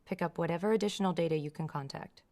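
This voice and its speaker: An actress playing a calm female counselor who gives steady, reassuring instructions. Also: on the low side, fast talker, natural voice. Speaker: counselor in a demonstration session.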